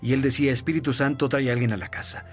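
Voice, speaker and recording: A man, a guest minister, telling his personal faith testimony as an animated storyteller who acts out voices and breaks into laughter. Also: medium pitch, rapid-fire, faint music behind.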